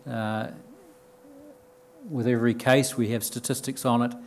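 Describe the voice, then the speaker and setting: An older man with a New Zealand accent speaks at a podium mic in a room full of listeners. He explains his points plainly in a middle-pitched voice, pausing on ums and restarting his sentences as he goes. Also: level tone, a little hiss or hum. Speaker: conference speaker. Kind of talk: conference talk. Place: lecture room with bookshelves and audience.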